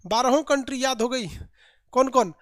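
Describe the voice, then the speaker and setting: A man's voice: very high-pitched, moderate pace, no echo, studio quality. A male teacher, leading a live online geography class in a casual, playful way and drilling lists by repetition.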